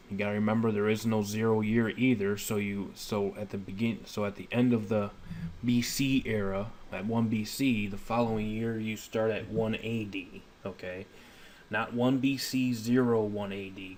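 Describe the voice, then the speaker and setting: A man in his thirties leads an informal Bible study, reading scripture and explaining it plainly, step by step, while repeatedly checking that listeners understand. His voice is on the low side with a darkish tone, in a noisy homemade voice-over recording.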